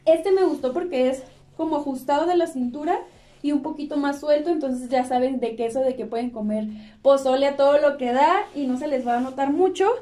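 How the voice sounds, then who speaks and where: Cheerful high-voiced woman vlogger, chatty. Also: fairly quick, warm tone, far from the mic. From Mexico. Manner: cheerful, chatty, laughs often. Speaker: fashion vlogger. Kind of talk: casual chat to camera. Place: small indoor room with clothes rack.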